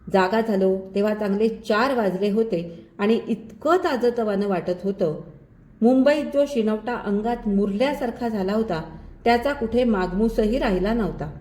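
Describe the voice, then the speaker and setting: A woman storyteller giving a steady, expressive scripted story reading. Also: mid-range voice. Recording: roomy echo.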